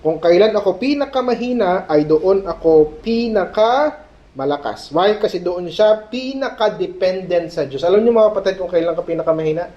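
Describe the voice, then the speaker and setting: A male pastor preaching a sermon at a prayer meeting, animated, mixing Tagalog and English and checking in with "Okay?". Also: high-pitched, moderate pace. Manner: mixes Tagalog and English mid-sentence. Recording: dull lo-fi sermon recording.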